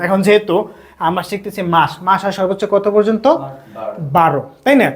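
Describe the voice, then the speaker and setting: A man with a notably high-pitched voice leads a classroom-style language lesson. He keeps asking questions and answering them himself, repeating each point patiently, like a teacher at a whiteboard. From Bangladesh.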